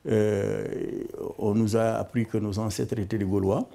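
A man in his seventies giving a halting, hesitant testimony in a living room, often repeating words. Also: lowish voice, level tone, creaky, dark tone. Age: 70s. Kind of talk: testimony interview.

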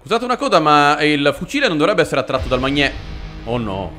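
A man giving excitable, joking commentary while playing a horror video game. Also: a little high, brisk. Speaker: gaming video host. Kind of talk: let's play commentary. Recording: voice over loud game music.

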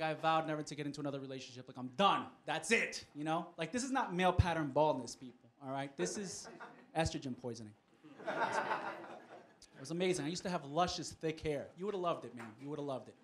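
A man from New York doing a stand-up comedy set, talking conversationally and making asides to the audience. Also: on the high side.

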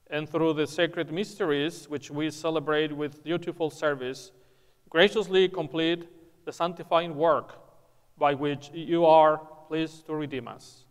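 A man leading prayers at Mass as priest, reciting in a solemn, measured way, with a cathedral echo around his voice. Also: fairly high pitch. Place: large church. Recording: long echoing church reverb.

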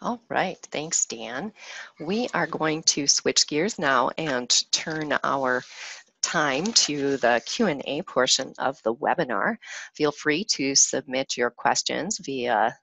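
A woman moderating a webinar, reading out audience questions briskly. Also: a bass voice, animated, fairly bright tone, rough recording.

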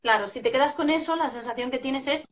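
Woman, slightly high voice, parenting expert explaining with examples, live-chat guest. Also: quick pace. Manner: explanatory, acts out family scenes. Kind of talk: live video chat advice.

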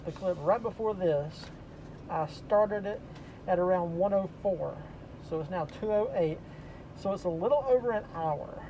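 A man's voice: sits high, dark tone. A man talking through a stack of face masks, explaining step by step in a matter-of-fact casual vlog from inside a parked delivery vehicle. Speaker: delivery driver vlogger. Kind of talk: casual vlog talk to camera. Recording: noisy vehicle ambience.

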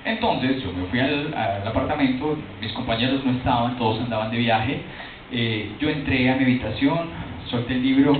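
A young man telling a story live to an audience, lively and acting out the voices of people in his tale. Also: medium pitch. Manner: animated, acts out quoted voices, chats with the audience. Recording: distant, phone-like, noisy echoey room.

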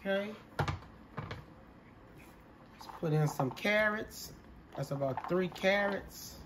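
A congested man narrating a casual cooking video from his home kitchen, relaxed and chatty, talking to viewers as y'all. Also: sits high, very slow, background noise. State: congested, coughing. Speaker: home cook.

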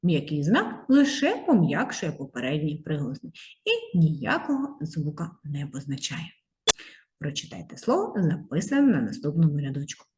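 Woman, primary teacher, lively sing-song delivery, lowish voice, drawn-out letter sounds for small kids. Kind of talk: handwriting lesson for young children.

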